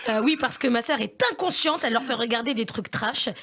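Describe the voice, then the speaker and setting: A woman's voice: on the high side, brisk, a bit bright, slight background noise. A woman, delivering a playful, self-mocking comic column on morning radio and acting out family scenes. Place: radio studio.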